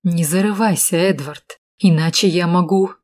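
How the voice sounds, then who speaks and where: A short-tempered, hard-drinking man who snaps and hisses his threats through clenched teeth, as a woman narrator puts him on. His voice sits fairly low and hard, and the lines come from an audiobook reading. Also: normal speed, a little mellow, natural voice. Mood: angry, menacing.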